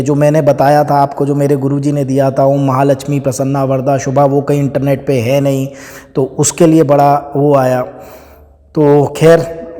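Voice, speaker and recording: A man's voice: mid-range voice, mellow, big-room sound. A man giving a casual spiritual talk, explaining with everyday examples and dropping in English phrases. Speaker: spiritual teacher.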